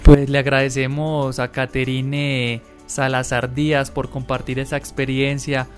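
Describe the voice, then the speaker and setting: A man hosting a radio program, asking interview questions in measured, formal phrasing. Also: mid-range voice, little pitch movement. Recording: muffled radio audio, faint music behind.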